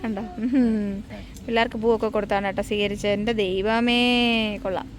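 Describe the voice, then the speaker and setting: A woman's voice: mid-range voice, steady tone, moderate pace, darkish tone. A woman on a casual vlog walking through a farm at dusk, chatty, who keeps pointing things out to her viewers. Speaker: family vlogger.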